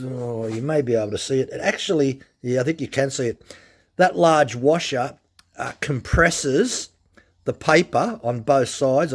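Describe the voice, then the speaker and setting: A man with a medium-pitched, darkish, slightly rough voice shows how to sharpen a chainsaw in his workshop, which has grinders and a tool wall. He explains each step plainly and repeats the key points in this casual how-to demonstration.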